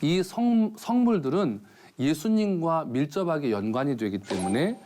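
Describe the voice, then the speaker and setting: A man's voice: fairly high pitch, lively intonation, moderate pace, warm tone, a little hiss or hum. A man, a pastor on a TV program, preaching in a chatty storytelling way and asking listeners questions. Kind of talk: TV sermon with a joke story. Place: TV studio.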